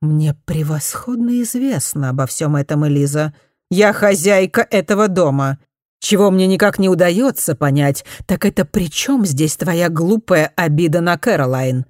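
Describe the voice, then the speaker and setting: A woman reading an audiobook, voicing a stern, prim aristocratic mother who speaks slowly and disapprovingly. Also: lowish voice, lively intonation, a little mellow, dry recording, studio quality, close to an everyday voice.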